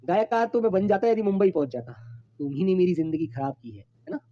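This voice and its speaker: A man's voice: high-pitched, big pitch swings, quick pace, mellow, dull audio. A man teaching a Hindi exam-prep class online, calling his students his children and repeating each point patiently.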